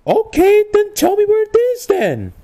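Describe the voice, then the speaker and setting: Mario, a woman voicing an earnest, flustered game hero, high-pitched. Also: huge pitch swings, mellow, heavily acted. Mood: exasperated. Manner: hesitant, halting, exclaiming. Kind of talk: amateur comedic fan dub role-play.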